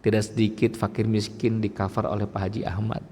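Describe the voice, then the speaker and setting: A man preaching a lively sermon, talking straight to his congregation with teasing questions and acting out humble prayers. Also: fairly quick, a little hiss or hum. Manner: talks directly to the audience, teasing and questioning; acts out humble pleading prayers in a low soft voice. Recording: long hall reverb.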